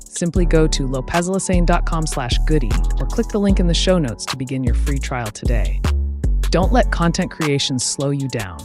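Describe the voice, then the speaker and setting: Upbeat podcast host reading an ad over music. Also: mid-range voice. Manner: upbeat promotional delivery. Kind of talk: scripted intro and ad read.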